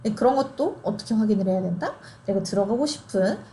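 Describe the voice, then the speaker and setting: A woman's voice: mid-range voice, lively intonation, fast, mellow, a little hiss or hum. A young woman in her twenties chatting through an explainer, laughing often and asking rhetorical questions. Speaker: host explaining housing programs. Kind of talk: casual explainer.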